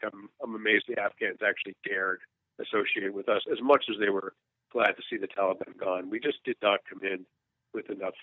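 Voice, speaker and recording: This lowish male voice belongs to an American war journalist in his fifties giving an interview. He's frank and earnest, often restarting his sentences, and the audio is dry, echo-free, and tinny like a phone line.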